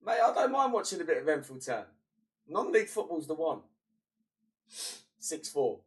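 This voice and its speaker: Here a congested young man, voice partly lost, chats loosely while playing a football management game on stream, muttering in between. His pitch is a little high and his delivery very animated at normal speed. He's recorded far from the microphone.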